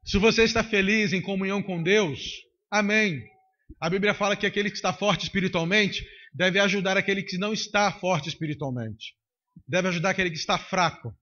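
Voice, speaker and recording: Brief: emphatic preacher, high bright voice, lo-fi handheld-mic sound. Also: male voice, brisk. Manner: emphatic, repetitive. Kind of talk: sermon. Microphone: handheld microphone. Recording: dull lo-fi recording.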